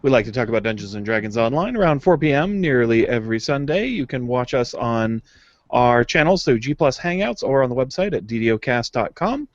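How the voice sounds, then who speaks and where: A man's voice: mid-range voice, animated, brisk, no echo. A man hosting a casual gaming podcast, rambling and chuckling between fillers. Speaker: podcast host. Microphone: home mic on a video hangout. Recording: dull lo-fi dry webcast audio.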